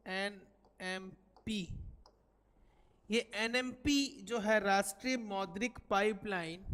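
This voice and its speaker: A man's voice: high voice, fairly bright tone. Man lecturing in an echoing classroom. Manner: repeats key figures, asks questions then answers them. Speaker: teacher. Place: coaching classroom.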